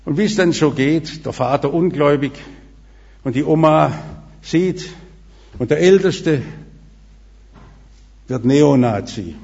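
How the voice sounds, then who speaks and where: Emphatic preacher, high voice, long hall echo. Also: male voice, lively intonation, slow pace, gravelly, pauses often, a little mellow. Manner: emphatic, varies volume and pace widely. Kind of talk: sermon. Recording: dull reverberant hall recording.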